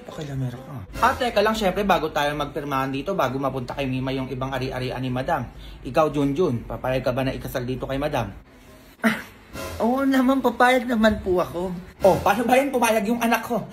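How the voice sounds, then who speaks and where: A person acting out a comic family sketch, switching quickly between several characters. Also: deep voice, lively intonation, a little hiss or hum. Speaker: comedy sketch creator playing all parts.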